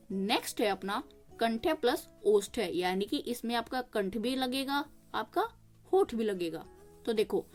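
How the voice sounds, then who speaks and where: A woman teaching a grammar lesson, explaining step by step, checking in with the listener and sounding out vowels slowly. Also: on the high side. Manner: explains step by step, often asking "ठीक है?". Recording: faint music behind the voice.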